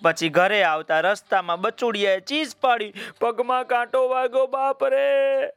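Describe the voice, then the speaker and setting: A man's voice: very high-pitched, measured pace, fairly bright tone, smooth, no echo, faint music behind, pitched above the performer's own voice, heavily acted. A man voicing a caring mother ant who frets over her little one. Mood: fretful.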